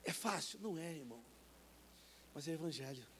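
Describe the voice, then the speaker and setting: A man in his fifties with a Brazilian Portuguese accent, preaching a personal testimony in church, animated and acting out the people in his stories. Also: on the high side, a little fast, a little hiss or hum. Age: 50s. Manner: animated, acts out voices in his stories, calls listeners brother. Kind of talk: sermon testimony. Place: church sanctuary.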